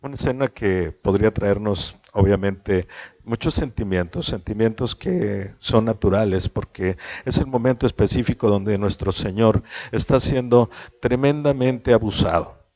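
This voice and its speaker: A man with a low, mellow voice reads scripture steadily and then preaches in a slow, reflective way. The recording is dull and lo-fi. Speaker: pastor. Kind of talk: sermon with scripture reading.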